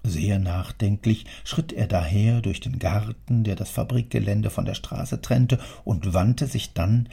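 A male narrator reading an audiobook at a measured storytelling pace. His low voice is gravelly and husky. The tone is dark and mellow.

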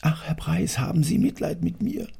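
A man voicing a poor, frightened male factory worker in an audiobook, pleading in a soft, half-whispered voice. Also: a little high, lively intonation, normal speed, gravelly, husky, pitched above the performer's own voice, heavily acted. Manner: pleading, timid. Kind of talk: audiobook character voice.

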